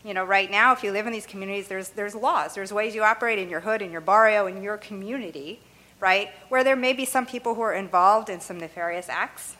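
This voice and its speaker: Speaking in a medium-pitched, slightly bright voice, a woman being interviewed explains her opinions casually. Arabic is her first language, and her talk is sprinkled with "you know," "right?" and soft laughter.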